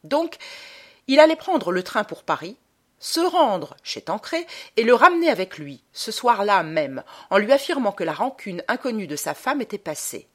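Expressive woman reading a story. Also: medium pitch. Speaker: reader. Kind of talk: audiobook narration of a short story.

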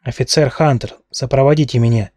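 A man voicing a proud, fiery young princess in a storybook reading, with sharp, commanding outbursts and a husky voice. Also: medium pitch, fairly quick, no echo, clean studio sound, lightly acted.

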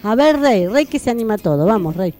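Speaking fast and expressively in a mellow, mid-range voice, a female radio host chats playfully with kids in the studio, encouraging them up to the microphone. The studio mic picks up faint music behind her.

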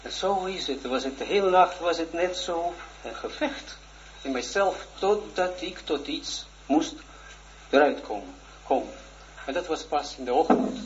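A man in his forties, a religious teacher, giving a shy, earnest personal testimony in a lesson, halting and full of restarts. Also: a little high, expressive. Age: 40s. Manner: halting, hesitant, with many restarts. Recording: dull lo-fi recording with faint noise.

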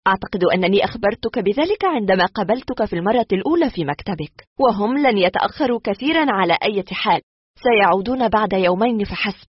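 A man's voice: very high-pitched, breathy edge, no echo, dull audio, voice pushed up, full character voice. A man reading a story aloud, voicing a wary and indignant young woman who stammers and fires off suspicious questions.

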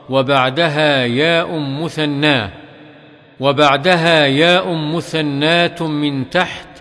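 Reading hadith aloud, a man goes slowly and deliberately, his fairly bright voice pitched a little higher than most men's. Certain phrases lift into a melodic chant, and a long hall reverb follows each line of his measured, careful reading.

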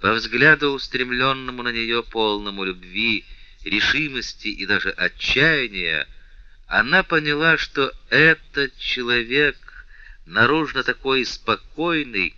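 A man narrating a novel as an audiobook reader, in an even, measured way, on a dull, dry recording. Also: mid-range voice, dry recording.

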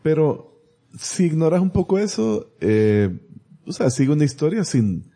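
A man's voice: a little high, big pitch swings, unhurried, mellow, breathy edge. A man chatting casually on a podcast, recapping a film with rambling restarts. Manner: rambling, recounts scenes with restarts. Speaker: podcast host. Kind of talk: casual movie review chat.

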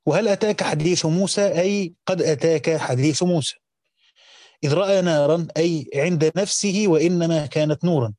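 A man's voice: fairly high pitch, brisk, darkish tone, no echo, studio quality. A man with an Egyptian accent reads a classical Quran commentary aloud and explains it, moving between careful formal reading and casual colloquial asides. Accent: Egyptian Arabic.

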